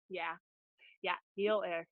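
A woman's voice: fairly low pitch, fairly even intonation, extremely slow, dry recording. Reflective woman, searching for words. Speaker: guest, entrepreneur. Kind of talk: casual interview. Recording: dry, slightly dull recording.

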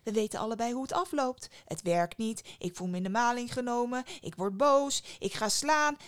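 A woman voicing a short-tempered mother who talks fast and tense, always on the edge of exploding. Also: a little high, clean tone, voice pushed up, natural voice. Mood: agitated. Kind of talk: storybook voice acting.

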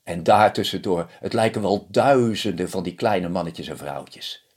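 A man telling a fairy tale, animated, with hushed dramatic pauses. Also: low voice, slightly rough. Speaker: storyteller.

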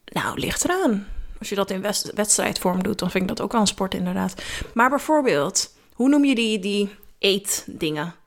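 A woman's voice: mid-range voice, expressive, moderate pace, creaky, few pauses. A young woman co-hosting a podcast in casual chat, talkative, laughing often and dropping in English phrases. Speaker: podcast co-host.

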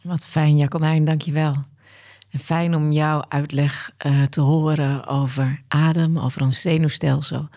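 A woman's voice: low voice, flat delivery, a little slow, warm tone. A woman hosting a wellbeing podcast, thanking a guest and delivering closing words. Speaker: podcast host. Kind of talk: warm-worded interview wrap-up and outro.

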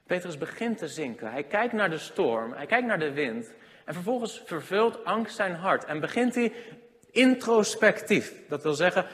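Male preacher, fairly high voice, long hall reverb; sermon that swings from loud emphasis to hushed asides.

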